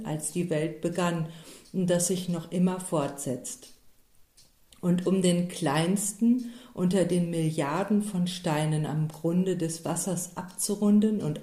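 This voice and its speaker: A woman narrating a story aloud, slow and calm, with a low, mellow voice. Her reading is measured and unhurried. The room adds a clear echo around her voice. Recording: roomy echo.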